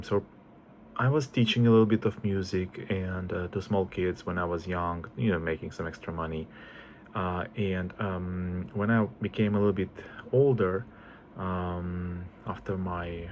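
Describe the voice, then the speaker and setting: A man's voice: deep voice, fairly even intonation, measured pace, darkish tone, slight background noise. A man in his forties from Estonia, introducing himself as a composer in a casual, hesitant way with many fillers. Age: 40s.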